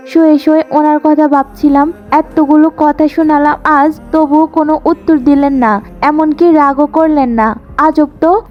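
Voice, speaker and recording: A woman with a high voice tells a first-person romance story, leaning into the drama with emotive delivery. The recording is a little dull and lo-fi, with faint music playing under her. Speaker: story narrator.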